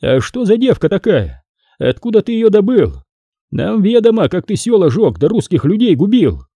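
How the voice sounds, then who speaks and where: Calm, sly old churchman, voiced by a male narrator; warm, husky, lively. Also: high voice, normal speed, no echo, pitched above the performer's own voice, heavily acted. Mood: calm mocking. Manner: calm, mildly mocking. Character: old grey-browed church leader, calm and shrewd.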